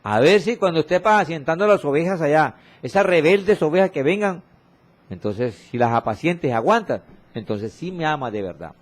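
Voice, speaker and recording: A man preaching a sermon, reading scripture slowly and repeating exhorting refrains, with his voice often dropping low and soft for emphasis. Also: lively intonation. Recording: radio broadcast of a church sermon.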